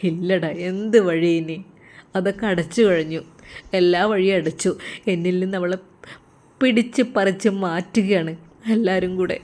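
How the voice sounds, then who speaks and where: A woman's voice: on the low side, normal speed, long pauses, natural voice. Woman voicing a weeping heartbroken young man. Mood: grieving. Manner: tearful pleading, softening to hushed begging.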